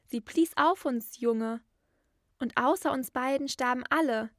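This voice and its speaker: A woman's voice: high voice, measured pace, dry recording, studio quality. A woman voicing a pair of mournful wood doves that coo as they speak in a storybook reading. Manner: repeated cooing calls. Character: cooing wood doves, small birds, mournful.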